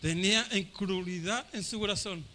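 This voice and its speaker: A man's voice: high-pitched, moderate pace. A man from Chile preaching a fervent Pentecostal sermon, repeating his phrases for emphasis. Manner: fervent, repeats phrases, acts out shouting crowd voices.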